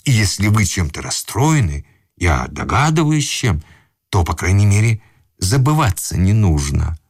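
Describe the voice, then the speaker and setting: A man voicing a flustered elderly gentleman in a raccoon coat, fussy and pleading with wounded dignity. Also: lowish voice, very animated, unhurried, slightly rough, no echo, studio quality, voice pushed up, exaggerated voice. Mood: fretful pleading. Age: older.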